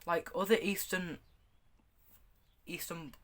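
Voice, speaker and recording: A man's voice: high voice, fairly even intonation, takes it slowly, a bit bright. A man giving a casual, hands-on product review, speaking in a stop-start, hesitant way with repeated words. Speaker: gas mask reviewer. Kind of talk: casual product review, showing items to camera.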